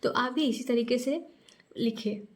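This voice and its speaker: A woman teaching a phonics lesson to parents, reading syllables aloud one at a time in a slow, patient way. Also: on the high side. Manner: explains to parents, then models sounds.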